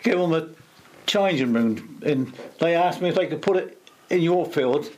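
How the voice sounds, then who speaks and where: An older man being interviewed, recalling old times in a halting, folksy way, often repeating his words. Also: on the high side, expressive, poor audio. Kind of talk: reminiscing in casual chat.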